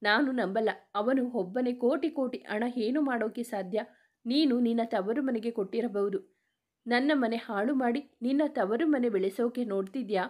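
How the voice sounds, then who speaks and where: A woman's voice: fairly high pitch, normal speed, natural voice. A woman voicing a furious older father-in-law who hurls accusing questions in a spoken story. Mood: angry. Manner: accusing, shouting-angry questions.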